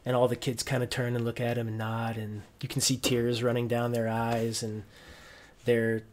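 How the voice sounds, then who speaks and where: A man's voice: medium pitch, monotone, moderate pace, a little mellow. A man working as game master, narrating a tabletop roleplaying game informally and piecing descriptions together as he goes.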